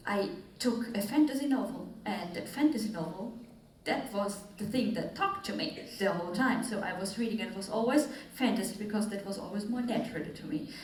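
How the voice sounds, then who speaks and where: A woman's voice: mid-range voice, slight background noise. Woman, panel talk, laughing, candid, echoey, far from the mic. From Austria. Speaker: panelist author. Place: festival stage in a large hall. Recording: echoey hall, voice from afar.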